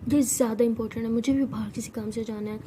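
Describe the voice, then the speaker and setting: A spoiled younger sister barks orders in a scolding, impatient way, as a woman narrating a storybook puts her on. Her voice sits a little high but stays mellow. A faint hum of noise runs underneath. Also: fairly even intonation, fast talker, natural voice. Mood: bossy. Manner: demanding, scolding.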